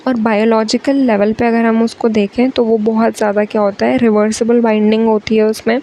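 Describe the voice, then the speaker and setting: A young woman with a sore throat teaches a chatty biology lecture for exam prep, switching between Hindi and English and slowing down when reading English lines. Her voice is fairly high and a little mellow, on poor audio with slight background noise.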